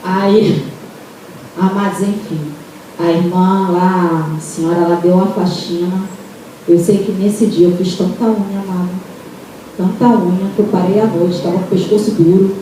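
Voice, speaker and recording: A Brazilian woman giving a testimony at a church service, telling her story with animated acted-out dialogue and calling her listeners "amados". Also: lowish voice, moderate pace, slight background noise. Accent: Brazilian Portuguese. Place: church hall. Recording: very echoey hall, taped from far off.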